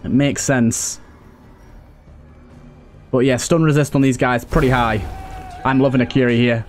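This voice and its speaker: A gaming host with a mid-range voice and fairly even intonation offers casual let's play commentary at a measured pace. He thinks aloud and often repeats his phrases. Video game ambience and effects come through clearly, along with faint music.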